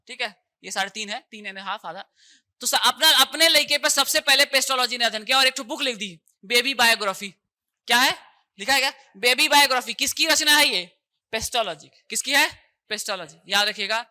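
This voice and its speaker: A man's voice: extremely high pitch, sharp tone. A man teaching an exam coaching class, chatty and repetitive, quizzing students with call-and-response questions.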